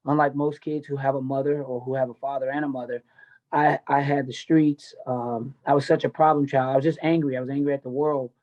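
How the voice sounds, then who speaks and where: This podcast guest, an MMA coach in his fifties from the United States who was raised in Tennessee and California, shares his life story in an emphatic, unfiltered, blunt way. His mid-range voice has a darkish tone and a level delivery, moving a little fast. The audio is dull.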